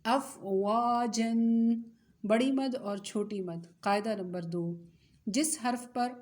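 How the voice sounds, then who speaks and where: A woman's voice: mid-range voice, a little mellow, roomy sound. A woman teaching tajweed with a Pakistani Urdu accent, explaining patiently and drawing out example words. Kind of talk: recorded recitation lesson.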